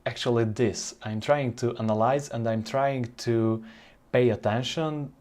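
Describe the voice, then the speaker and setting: Hungarian-accented man explaining, mid-pitched. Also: fairly even intonation, a little mellow. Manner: halting, searching for words, non-native phrasing. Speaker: language-learning presenter. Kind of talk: informal explanatory tutorial.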